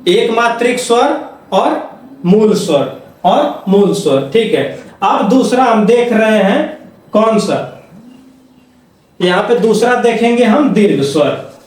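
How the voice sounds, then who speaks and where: A man's voice: high voice, expressive, slow, pauses often, a little mellow. A man teaching Hindi grammar for exam preparation in a lecture style, repeating points and asking questions that he answers himself. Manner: repetitive, asks the class questions and answers them himself. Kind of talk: exam-prep classroom lecture. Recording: echoey room, mic set far off.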